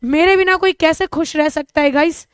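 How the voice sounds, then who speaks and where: A young woman with an Indian accent runs a live online lesson. She talks in a chatty, joking way, flipping between two languages. Her voice sits high, and the sound is close and dry with no room. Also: normal speed, dry recording. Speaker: teacher.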